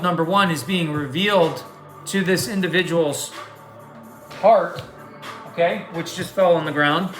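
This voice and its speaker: A man with a high, bright, forceful voice delivers an improvised spiritual card reading. He speaks like an emphatic preacher addressing followers, pressing points home and checking in with short tags. Faint music plays behind him. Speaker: online tarot card reader.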